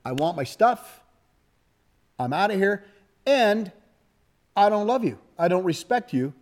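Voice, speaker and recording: A man's voice: high voice, big pitch swings, measured pace, voice pushed up. A man voicing a defiant young son. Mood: dismissive. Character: defiant rebellious young son rejecting his father.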